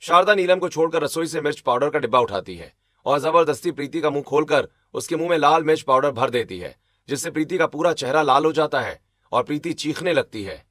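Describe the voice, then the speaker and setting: A man narrating a cartoon story in a steady storytelling manner. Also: a little high, fairly quick, no echo, clean studio sound.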